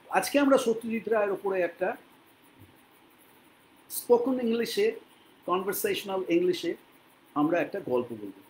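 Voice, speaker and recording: A man from Bengal teaching English to learners, speaking patiently and repeating words slowly so they can copy them. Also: high voice, slight background noise, poor audio. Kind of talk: spoken English lesson in Bengali.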